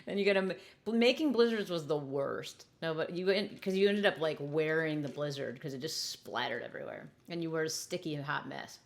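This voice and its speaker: A woman's voice: low-pitched, moderate pace. A woman hosting a casual chat, giggling and laughing often as she talks. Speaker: host.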